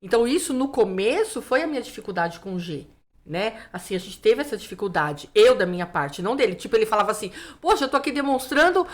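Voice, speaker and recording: A woman with a medium-pitched voice talks fast as a guest pastor sharing her testimony in a relaxed interview. She's a lively storyteller who acts out the dialogue and fills her speech with "né."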